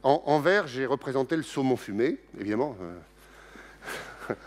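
Middle-aged guy lecturing on science, pitch jumping all over, jokey, keeps restarting his sentences. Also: moderate pace. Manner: lively, joking, many restarts and asides. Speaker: scientist giving a public lecture. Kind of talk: animated public science lecture. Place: lecture hall.

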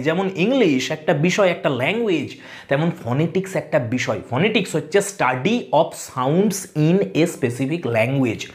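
Male teacher, patient step-by-step explainer, sounds words out slowly. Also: high voice. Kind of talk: explanatory lesson.

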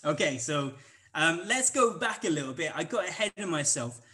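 A man's voice: a little high, lively intonation, normal speed, bright, forceful tone, low-quality recording. A man with a Welsh accent giving a casual live coding walkthrough at a conference, rambling with many ums and restarts. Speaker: conference instructor.

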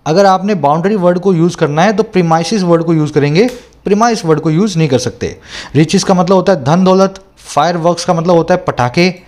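A young man teaching English for exams, explaining words slowly and repeating each term in two languages. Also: high voice, a little mellow. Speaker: English tutor. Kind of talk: exam-prep lesson.

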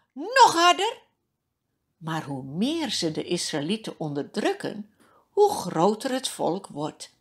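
A woman narrating a children's Bible story, speaking to children directly in a gentle, expressive way. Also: low voice, husky.

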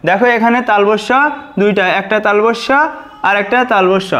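A man's voice: sits high, flat delivery, brisk, fairly bright tone. A man teaching a lesson, patiently repeating words and breaking them into syllables. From Bangladesh. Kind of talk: spoken exam-prep lesson.

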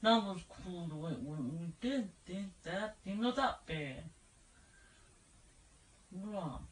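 A woman's voice: fairly low pitch, lively intonation, slow pace, breathy edge. A woman talking in her sleep in disjointed, erratic mutterings and outbursts. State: asleep.

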